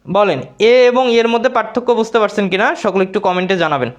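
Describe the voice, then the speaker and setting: A man's voice: high-pitched, expressive, fast talker, lo-fi sound. A man with a Bangladeshi Bengali accent teaching English grammar in a live online class, repeating words and answering his own questions.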